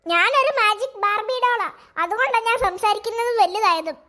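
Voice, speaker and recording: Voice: very high-pitched, moderate pace, heavy background noise, pitched below the performer's own voice. A performer voicing a magic Barbie doll in a cartoon, a doll girl who has grown big and talks in a curt, scolding way. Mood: soothing. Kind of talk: cartoon voice acting.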